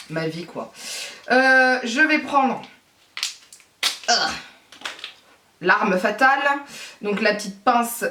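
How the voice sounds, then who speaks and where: A woman from France, a beauty vlogger at home, chatting casually to her viewers, flustered and excitable, swearing and talking through each step. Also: mid-range voice, recorded from a distance, slight background noise. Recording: echoey room, speaking away from the mic.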